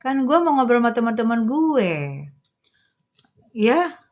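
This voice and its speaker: A middle-aged woman, talking into her phone on a livestream. Her voice sits a little high. She teases and sasses her viewers in loose slang, taking her words slowly and carefully. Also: a little mellow. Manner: sassy, teasing, slangy, talks slowly and carefully. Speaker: livestream host. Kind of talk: casual livestream chat reading viewer comments.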